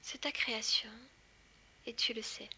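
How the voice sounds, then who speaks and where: A woman guiding a hypnosis session in a hushed, breathy whisper right in the listener's ear, soothing and deliberate with long pauses. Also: fairly high pitch, steady tone. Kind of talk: guided hypnosis, soft ASMR delivery.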